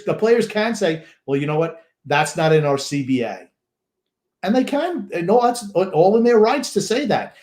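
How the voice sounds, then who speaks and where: A man's voice: on the high side, a little mellow, echoey room. An older man co-hosting a sports talk show, blunt and grumpy with dismissive opinions. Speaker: co-host.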